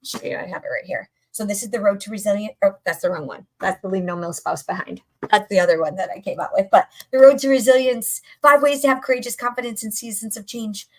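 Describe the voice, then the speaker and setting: A health and mindset coach delivers an upbeat, enthusiastic motivational talk, emphatically repeating phrases for effect. Her mid-range voice has a darkish tone, and she talks quickly with hardly any pauses.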